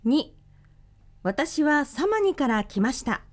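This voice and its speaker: High, lively woman co-hosting a lesson. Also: slow pace. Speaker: lesson co-host. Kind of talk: reading example sentences and translations.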